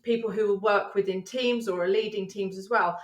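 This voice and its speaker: A woman guest on a podcast, talking through her work in an animated, chatty way and laughing easily. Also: medium pitch, normal speed. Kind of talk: conversational interview. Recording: roomy echo.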